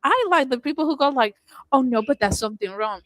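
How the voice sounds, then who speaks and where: A woman from Puerto Rico with a Puerto Rican Spanish accent, co-hosting a casual podcast chat and telling animated stories, often laughing and acting out what she said. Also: sits high, a little fast, dry recording, poor audio. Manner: animated storytelling, laughs often, quotes herself. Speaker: podcast co-host.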